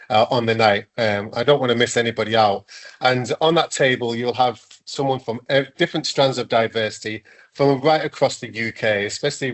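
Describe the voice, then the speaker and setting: A man hosting a video-call webinar as founder of an awards, chatting enthusiastically with many restarts and fillers. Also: medium pitch. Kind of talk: casual webinar chat.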